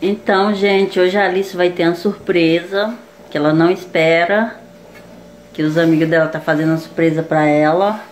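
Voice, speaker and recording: Amiga brasileira narrando com ruído. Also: female voice, lowish voice, steady tone, moderate pace, a little hiss or hum, poor audio. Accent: Brazilian. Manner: chatty, explaining to the camera. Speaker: friend of the vlogger. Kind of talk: casual vlog narration.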